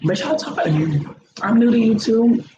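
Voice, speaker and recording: A woman's voice: fairly high pitch, moderate pace. A woman hosting a casual eating livestream at home on her phone, talking between bites and humming over her food. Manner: relaxed, savoring food with frequent hums. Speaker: livestream host. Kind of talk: casual mukbang livestream chat. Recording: echoey, dull, noisy phone livestream.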